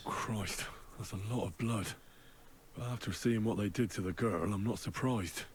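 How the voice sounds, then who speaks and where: A man playing a stubborn young medieval hero in a video game, speaking in a low, steady, earnest voice. He stays calm and resolute, working through clues. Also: moderate pace, slight background noise, natural voice. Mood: grim.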